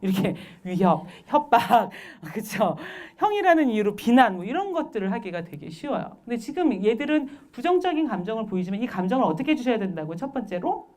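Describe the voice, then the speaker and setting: Woman parenting lecturer: bright, rather high voice with lively pitch, keeps quizzing the audience. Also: brisk, few pauses. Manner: asks the audience questions, lively and expressive. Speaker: parenting educator.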